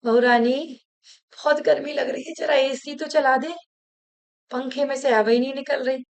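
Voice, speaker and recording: A woman's voice: high-pitched, steady tone, moderate pace. A woman voicing a stern traditional mother-in-law, an older woman who scolds and harks back to the old days. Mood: scolding.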